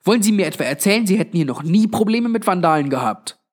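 A man's voice: high voice, lively intonation, quick pace, voice pushed up. A man voicing a young woman stranded at a motel, firing off urgent, insistent questions.

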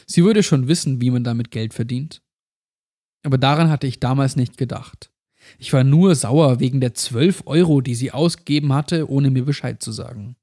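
Man, narrator, first-person horror story, measured, somber. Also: medium pitch, warm tone.

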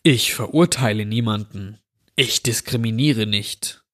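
A man voicing a menacing male intruder who grants children's wishes, speaking slowly with a drawl. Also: on the low side, fairly bright tone. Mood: mocking. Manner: slow, drawling, sinister.

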